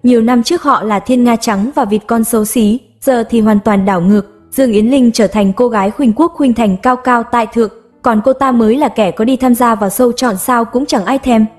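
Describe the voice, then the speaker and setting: Woman narrating over soft music. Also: fairly high pitch, a little fast. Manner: steady storytelling. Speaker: audiobook narrator. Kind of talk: scripted narration of a romance novel. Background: soft background music.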